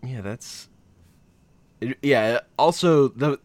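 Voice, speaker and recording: A man co-hosting a casual chat about films, talking animatedly and jumping into excited mock voices. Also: mid-range voice, takes it slowly, dry recording. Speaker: podcast co-host.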